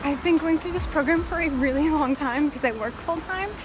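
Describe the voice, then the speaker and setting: Chatty high-voiced young woman vlogging. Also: a little fast. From United States. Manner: chatty, upbeat, lots of "like". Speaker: travel and lifestyle vlogger. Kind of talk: casual vlog chat to camera. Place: walking city streets, then her room. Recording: music playing under the voice.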